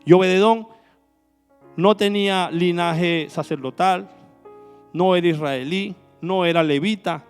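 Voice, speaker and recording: High-voiced male preacher in an echoey hall. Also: measured pace, pauses often, smooth, soft background music. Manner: preaching with rhetorical questions to the congregation. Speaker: minister. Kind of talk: sermon. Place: church hall.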